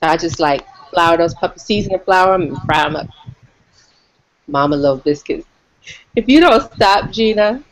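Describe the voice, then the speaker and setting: A woman's voice: lowish voice, expressive, moderate pace, hardly any pauses. A woman co-hosting a casual online video chat, joking around and laughing often. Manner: laughs often, jokey and chatty. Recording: noisy online call audio.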